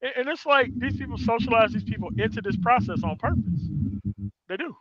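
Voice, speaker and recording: A man hosting a casual livestream chat, profane and animated, laughing often. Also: very high-pitched, fairly quick, a loud crowd. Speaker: livestream host. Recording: dull, dry lo-fi audio.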